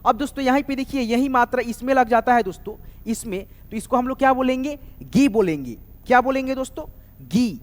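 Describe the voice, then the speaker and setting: Man, online reading teacher, high-pitched, reverberant room, syllable-by-syllable drilling. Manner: repeats "dostom" often, slow sounding-out of syllables. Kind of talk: online lesson, explaining letters and vowel signs.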